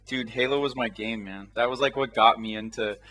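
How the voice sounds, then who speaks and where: A man's voice: medium pitch, steady tone, fairly quick, bright, forceful tone, poor audio. A man interviewing a guest in a laid-back, chatty way, with plenty of fillers. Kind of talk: casual interview.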